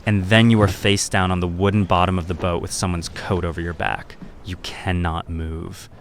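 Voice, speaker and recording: A man narrating a scripted story in second person, in a measured, grave and deliberate way. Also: deep voice, little pitch movement, slight background noise.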